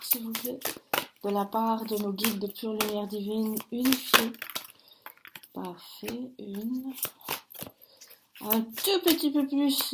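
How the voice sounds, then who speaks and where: A woman's voice: on the high side, background noise. A woman giving a channeled oracle card reading in an earnest, firm way, often breaking off and restarting her sentences. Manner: earnest, halting, with frequent restarts and apologies; firm, warning tone. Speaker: spiritual card reader.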